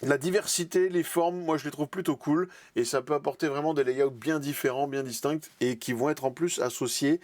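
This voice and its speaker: A man's voice: a little high, normal speed, hardly any pauses, a little mellow, no room sound. A man hosting a casual weekly hobby news recap, chatty and hesitant, with many fillers and restarts. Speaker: channel host.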